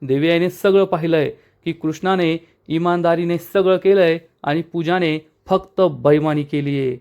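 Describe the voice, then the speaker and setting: Man retelling a TV episode, higher voice. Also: fairly even intonation, measured pace, darkish tone, clear, resonant tone, muffled recording. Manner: narrates plot step by step, addresses listeners as friends. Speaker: serial episode reviewer. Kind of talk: dramatic story retelling.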